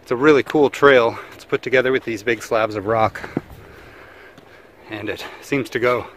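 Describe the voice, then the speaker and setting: A man's voice: mid-range voice, moderate pace. Man chatting on a mountain hike. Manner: relaxed, chatty, observational. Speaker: family vlogger. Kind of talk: casual hiking vlog narration. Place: outdoors on a forest mountain trail. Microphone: handheld camera at arm's length. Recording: outdoor noise behind.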